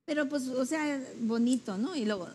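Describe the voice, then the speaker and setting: A woman's voice: high-pitched, normal speed, a little mellow, slight background noise. A woman making a thoughtful point in a casual Bible discussion, repeating words as she goes.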